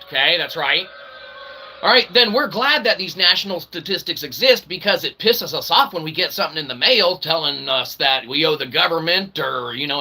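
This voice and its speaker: A man with a fairly high, pushed, bright voice hosts a solo show, rambling through a comedic monologue like a folksy showman. He tosses in theatrical asides and habitually checks in with "okay" and "that's right." The recording is clearly noisy.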